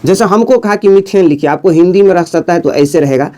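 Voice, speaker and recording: A male teacher from India giving a classroom chemistry lesson, asking "got it?" over and over and chanting lists slowly. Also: sits high, dark tone. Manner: repetitive, quizzing students with "समझ गए?".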